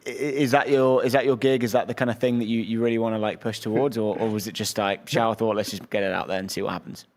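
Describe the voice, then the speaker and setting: A man's voice: fairly low pitch, fairly even intonation, fast talker. Man, podcast host, enthusiastic, informal, stammers and restarts, casual interview.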